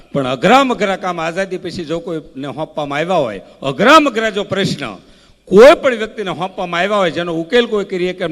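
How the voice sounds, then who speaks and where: A man doing folk stage comedy, telling rustic anecdotes that rise into oratorical bursts. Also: a little high. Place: large hall at a community event. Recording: long hall reverb.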